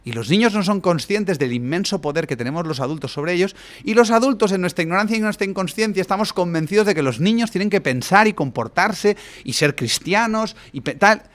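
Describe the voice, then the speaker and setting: A man's voice: sits high, animated, fairly quick, few pauses, a bit bright. Man lecturing. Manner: expansive, lecturing, frequent rhetorical tag questions. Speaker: guest coach and writer. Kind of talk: podcast conversation.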